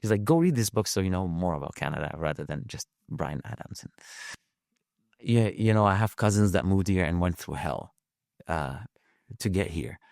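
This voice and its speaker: A Lebanese man whose first language is French tells a casual story as a podcast guest, speaking in a low, expressive, creaky voice that's a little mellow. He halts often, restarting and filling gaps, and swears casually. The studio-quality recording has no echo.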